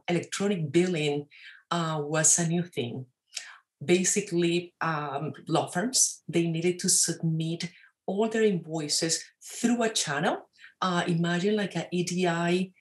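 A woman in her forties from Venezuela with a Venezuelan Spanish accent, talking animatedly as a guest on a video call, gesturing and dropping frequent fillers and tag questions. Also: fairly low pitch. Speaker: guest entrepreneur. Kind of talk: casual interview talk. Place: wood-panelled office, indoors. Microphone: webcam on a video call.

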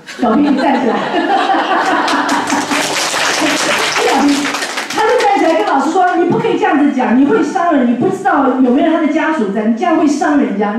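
An older woman from Taiwan with a Taiwanese Mandarin accent, sharing a heartfelt personal testimony as guest speaker at a church fellowship, telling it in an animated way with chuckles. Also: a little high. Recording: echoey hall from far off.

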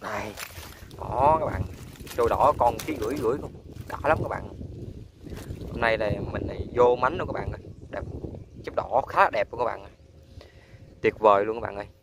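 A young man vlogging his fishing day on a lakeshore, talking to viewers with excitement. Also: lowish voice, normal speed, vocal fry, long pauses, noisy background. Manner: excited, addresses viewers often. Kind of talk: casual outdoor fishing vlog. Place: outdoors on a lakeshore.

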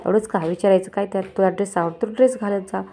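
Easygoing young husband, reassuring, even mellow tone; read by a woman. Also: mid-range voice, fast, a little hiss or hum, close to an everyday voice.

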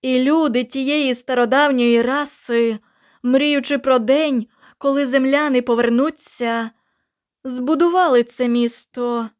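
A woman voicing a male captain who has been taken over by an ancient vengeful city, speaking slowly and solemnly in an audiobook. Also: sits high, fairly even intonation, clean tone.

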